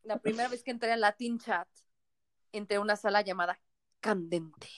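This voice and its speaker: A woman's voice: mid-range voice, normal speed, no room sound. A woman in her thirties with a Mexican accent, a tipsy podcast co-host telling frank stories with playful quoted voices. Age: 30s. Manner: animated, frank storytelling with playful put-on quotes. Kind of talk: casual chat.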